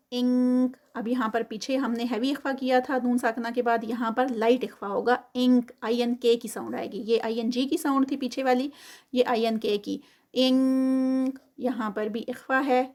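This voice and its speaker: A woman's voice: on the high side, flat delivery, darkish tone. A woman teaching Quran recitation rules with patient, step-by-step explanation. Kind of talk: tajweed lesson with recitation.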